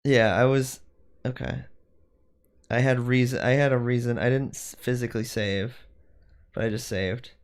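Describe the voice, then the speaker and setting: Gravelly man thinking aloud on stream. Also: medium pitch, steady tone, normal speed, pauses often. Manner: rambling, self-correcting, thinking aloud. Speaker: streamer doing 3D design. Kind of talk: casual livestream chat while working.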